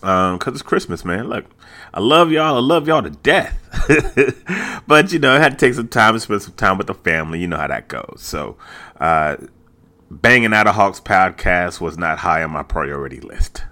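A man with a fairly low voice chats casually as host of a sports podcast. He is laid-back and colloquial, doubling up phrases for emphasis. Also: expressive, normal speed, pushed and bright.

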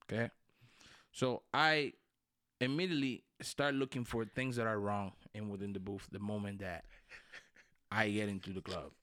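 A man's voice: on the low side, fairly even intonation, moderate pace, pauses often, fairly bright tone, no room sound, clean studio sound. A man in a casual, profane chat, ranting insistently in street slang and repeating his phrases.

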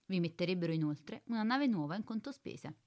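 A woman voicing a calm, precise spaceship computer in a radio drama, speaking in a flat, formal, bureaucratic way. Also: lowish voice, brisk, lightly acted.

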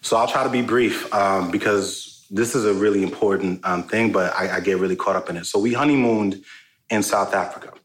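A man's voice: lowish voice, brisk, a little hiss or hum, rough recording. A man, a guest telling a story in an easygoing way and restarting as he goes. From Brooklyn, New York. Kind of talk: casual podcast conversation.

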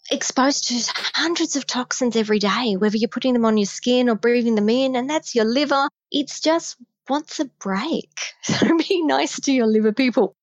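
Her voice sits high as this Australian-accented podcast guest gives direct, emphatic guidance on staying healthy in midlife. There's no room sound, and the highs are cut off.

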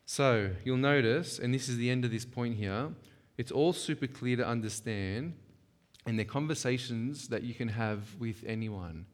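At a moderate pace and in a mid-range voice, a man conducts a church workshop session in a church hall. He keeps things conversational and forceful, often checking on his audience, and long reverb fills the recording.

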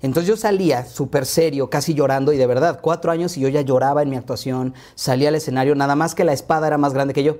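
Fast-talking Mexican man in his thirties. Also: a little high. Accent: Mexican Spanish. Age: 30s. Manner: lively, quick anecdotes with frequent asides. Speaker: interview guest. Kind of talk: relaxed interview storytelling.

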